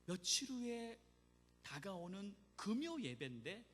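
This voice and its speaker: A man preaching a sermon as pastor, telling a story with animated emphasis in a church sanctuary. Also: high voice, slow pace. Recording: church hall reverb, faint noise.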